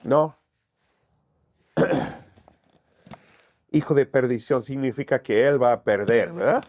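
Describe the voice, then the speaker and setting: A man's voice: mid-range voice, slow pace, a little mellow, no room sound. A man preaching a sermon as pastor, often asking his congregation rhetorical questions.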